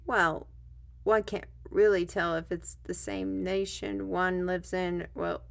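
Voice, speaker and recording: In a fantasy audio roleplay, a voice actress plays a weary, wry artist, musing conversationally as she tells tales and lays out plans in character. Her voice sits on the low side, with a level tone, a slow pace and vocal fry.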